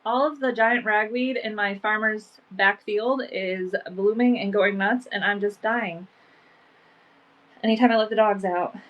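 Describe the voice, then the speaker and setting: Sniffly from allergies, a woman sells vintage items in a relaxed live stream from her home, filling her chatter with "um" and "like." Her medium-pitched voice moves unhurriedly, and the sound is lo-fi.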